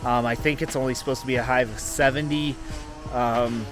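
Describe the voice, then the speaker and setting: Relaxed man rambling through a casual vlog. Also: mid-range voice, brisk, music in the background. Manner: relaxed and rambling, with many fillers. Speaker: vlog host. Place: outdoors in a mountain town.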